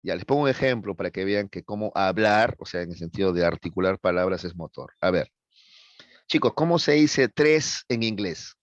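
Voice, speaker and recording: Low-voiced male teacher lecturing. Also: lively intonation, normal speed, dry recording, lo-fi sound. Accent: Peruvian Spanish. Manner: explains with frequent checks for understanding. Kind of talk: classroom lecture. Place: classroom.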